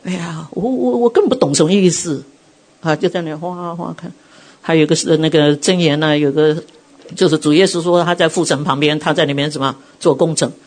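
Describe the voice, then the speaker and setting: A middle-aged woman preaching a sermon, telling her own testimony in an animated way and acting out quotes. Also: low voice, brisk. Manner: animated storytelling, acts out quotes.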